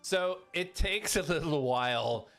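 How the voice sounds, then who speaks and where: A man acting as game master, narrating a fantasy tabletop game in descriptive, drawn-out phrases. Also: a little high, animated, creaky, fairly bright tone. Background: background music.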